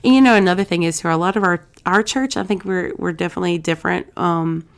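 A woman's voice: fairly low pitch, fast talker, clear, resonant tone. A woman, chatting earnestly as a pastor's wife on a podcast and getting emotional at times. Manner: warm, earnest, gets emotional. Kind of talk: casual chat.

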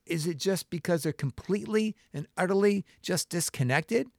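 A man's voice: high-pitched, normal speed, creaky, darkish tone, no room sound, clean studio sound. A middle-aged man hosting his own show in a casual solo monologue, impassioned, full of restarts and rhetorical questions. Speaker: show host.

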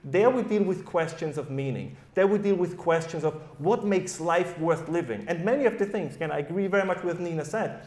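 A panel speaker with a German accent talks to a live audience in an echoey event hall at a summer school. His darkish voice is fairly high for a man, and his delivery is loose and conversational. He keeps checking in with a quick "right?".

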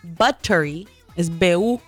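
A woman leading an English lesson on a radio show, patiently spelling out words and repeating them slowly. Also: lowish voice, faint music behind. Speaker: English teacher segment host. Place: radio studio.

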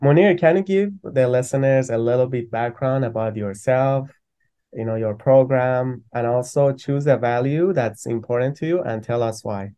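A man's voice: medium pitch, normal speed, dark tone, clean tone. A man in a mid-range voice hosting an interview podcast. He affirms his guests briefly and moves things along with simple questions. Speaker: podcast host. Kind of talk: casual interview.

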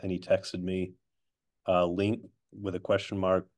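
Low-voiced man hosting a casual podcast. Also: flat delivery, a little slow, darkish tone. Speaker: podcast host. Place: office. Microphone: not his regular microphone.

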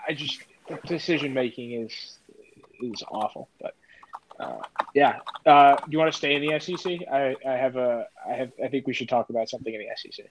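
A man's voice: medium pitch, brisk. A man co-hosting a podcast in casual sports chat, hesitant, with many restarts and fillers. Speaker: podcast co-host. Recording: dull lo-fi sound, faint noise.

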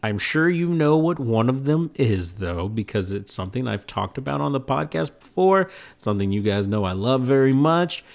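A man's voice: medium pitch, animated, moderate pace, vocal fry, few pauses. A man hosting his own podcast, talking alone in a rambling, self-mocking way and laughing at his own jokes. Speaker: podcast host. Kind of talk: casual solo podcast monologue.

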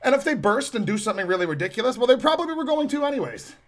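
A man's voice: very high-pitched, sing-song, racing, a little hiss or hum. A man hosting a solo podcast, sarcastic and mocking, rambling with many restarts. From Canadian prairies. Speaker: podcast host.

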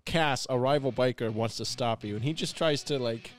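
A man on a podcast, possibly the producer, who calmly explains and steers the segment in casual chat. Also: mid-range voice, moderate pace, music in the background.

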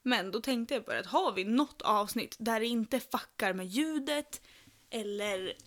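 Woman, podcast co-host, animated storyteller, slightly high voice. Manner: animated storyteller, acts out quotes. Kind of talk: casual podcast chat.

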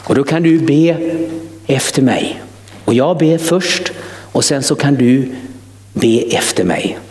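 A man's voice: medium pitch, darkish tone. A man preaching an evangelistic sermon, rising to fervent emphasis and repeating words for effect. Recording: echoey hall with long reverb.

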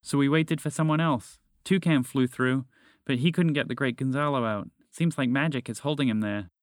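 A man performs a bewildered, earnest father, pitching his natural-sounding voice above his own. The delivery is medium in pitch and moderate in pace, recorded cleanly in a studio with no room sound.

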